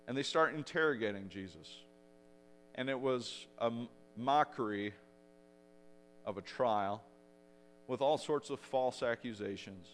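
A man preaching a sermon as pastor, retelling the story dramatically and growing loud for the shouted quotes. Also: medium pitch, slight background noise.

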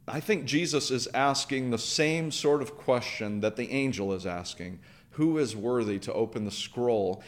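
A man preaching a sermon, earnest, building through repeated phrases and questions. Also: medium pitch. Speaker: pastor.

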